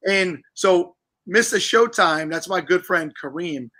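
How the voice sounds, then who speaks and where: A middle-aged man talks loosely and at length as a livestream host, wandering through his points with jokey asides. His voice sits a little high and comes across bright and forceful. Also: a little slow. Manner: chatty, rambling, jokey. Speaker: podcast host. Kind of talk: casual livestream chat.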